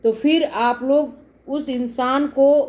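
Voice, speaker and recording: Slow and darkish in tone, a woman's high-pitched voice keeps a fairly even intonation through a casual tarot reading. She talks to viewers directly, describing every card at length and repeating herself.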